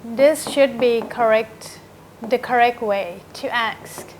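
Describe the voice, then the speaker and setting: A woman's voice: fairly high pitch, slow, a little hiss or hum. A woman teaching an English grammar lesson, patiently correcting questions and often checking in with the class. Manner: patient, checks in with "right?" and "okay?".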